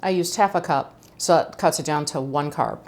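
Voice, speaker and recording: Middle-aged woman, lowish voice, chatty cooking host with a casual, friendly home-kitchen delivery. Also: normal speed. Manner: chatty, friendly, with fillers and asides.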